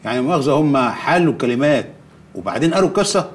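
A rapid, sarcastic Egyptian official. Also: male voice, mid-range voice, animated, breathy edge. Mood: impatient. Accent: Egyptian Arabic. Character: impatient, sarcastic male official.

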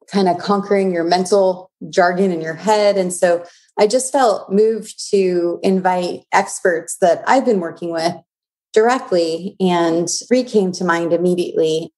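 A woman hosting her own podcast, talking in a casual, enthusiastic way. Her voice sits a bit low, and she gushes warmly over her guest. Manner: gushing, enthusiastic. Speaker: podcast host. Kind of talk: casual interview chat.

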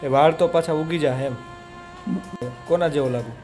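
Chatty young family vlogger. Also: male voice, fairly high pitch, normal speed, music in the background. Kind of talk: casual vlog narration.

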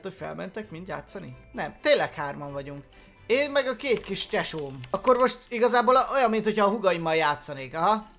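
Male gaming YouTuber, bright cutting tone, playful and excitable commentary, faint music bed. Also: high-pitched. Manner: excitable and jokey, with sudden loud exclamations. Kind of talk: let's play commentary.

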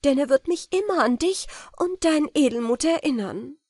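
Frau spricht eine gerührte, edle Gräfin. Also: female voice, on the high side, normal speed, no room sound, clean studio sound, voice pushed up. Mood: moved. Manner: formal old-fashioned speech, rising excitement. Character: grateful noble countess, warm and emotional.

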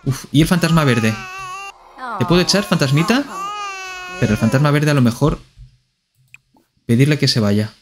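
A man's voice: a little high, moderate pace, pauses often, over music. A man with a Spain Spanish accent streaming live gameplay commentary, playfully talking to himself and to the characters on screen.

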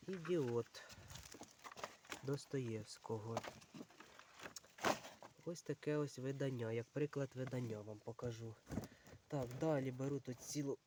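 A man's voice: mid-range voice, measured pace, long pauses, noisy background. A man casually going through a pile of books, talking unhurriedly and thinking aloud with many fillers, addressing his viewers as friends. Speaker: book channel vlogger. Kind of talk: casual browsing commentary.

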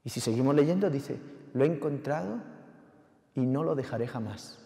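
Impassioned preacher in an echoey church. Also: male voice, mid-range voice, expressive, normal speed, gravelly, warm tone. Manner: impassioned, rising to fervent exhortation. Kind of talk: sermon. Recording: echoey hall with long reverb.

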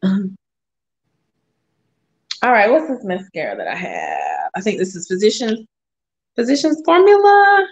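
Slow-talking woman chatting about makeup. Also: on the low side, creaky, dull audio. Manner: relaxed, drawn-out phrasing with laughs. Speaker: co-host of a makeup livestream. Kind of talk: casual makeup tutorial chat.

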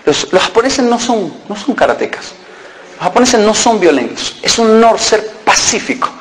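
A man in his thirties from Colombia, giving a humorous motivational talk with lively comic storytelling and acted-out dialogue. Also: sits high, normal speed, a little hiss or hum, rough recording. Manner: animated, acts out quoted dialogue with mock voices; lively comic timing, self-mocking. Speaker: motivational speaker.

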